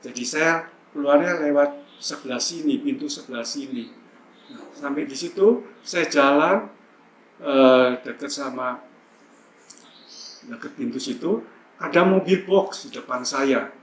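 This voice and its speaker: A man's voice: medium pitch, unhurried, long pauses. A man telling a testimony in a church service, chatty and full of fillers. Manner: chatty, storytelling, frequent fillers. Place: church hall. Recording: echoey church with faint ambience.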